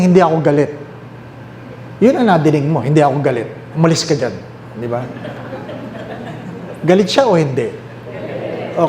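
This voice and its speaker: Filipino priest guy preaching, slightly high voice, roomy echo, faint hum behind. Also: a little mellow. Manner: mixes English and Tagalog, asks the listeners questions; repeats key phrases slowly. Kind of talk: sermon.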